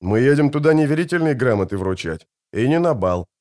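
A man reading an audiobook voices a grim, laconic witcher. He answers tersely and curtly, in a natural male voice with an animated lilt. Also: medium pitch, fairly quick, voice pushed up, natural voice. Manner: terse and curt.

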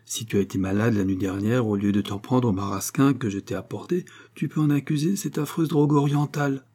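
A cold, calculating nobleman who keeps his voice calm and guarded, as a male reader plays him. The voice is low-key, dark and husky, a plotting gentleman in an audiobook drama. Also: moderate pace, close to an everyday voice. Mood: cool. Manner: calm, guarded, quietly scheming. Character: cold calculating Spanish nobleman, young man.

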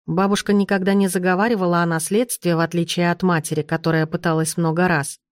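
A woman narrating an audiobook in a measured storytelling manner on a close studio mic. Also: fairly low pitch, level tone, dry recording. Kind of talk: scripted narration.

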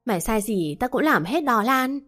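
A woman's voice: fairly high pitch, expressive, normal speed, a bit bright, faint music behind. A woman voicing a remorseful young servant girl, tearfully apologizing.

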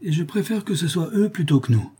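A rough stagecoach driver who sneers and barks, as a man puts him on while reading a novel. His lines come out higher and louder than the dark, husky reading voice around them. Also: normal speed. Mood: brusque, loud.

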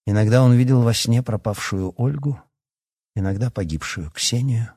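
A man narrating a fantasy audiobook in a steady, measured manner. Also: medium pitch, husky, no echo, clean studio sound. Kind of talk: scripted narration.

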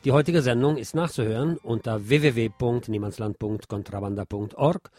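In a dry recording, a man hosting a radio show offers an expressive monologue reviewing a play. His mid-range voice moves briskly, and he addresses his listeners formally.

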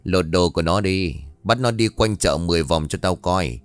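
A man's voice: deep voice, moderate pace, no echo, pitched below the performer's own voice, close to an everyday voice. A man voicing a cruel, lecherous old village tyrant who sneers and barks abusive orders in an audiobook story. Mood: sneering cruel.

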